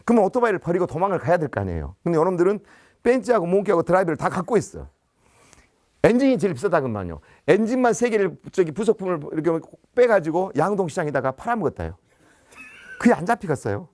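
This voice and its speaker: A man's voice: sits high, very animated, quick pace, darkish tone, no echo, studio quality. A man, a teacher, giving a storytelling lecture and animatedly acting out dialogue. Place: business center lecture.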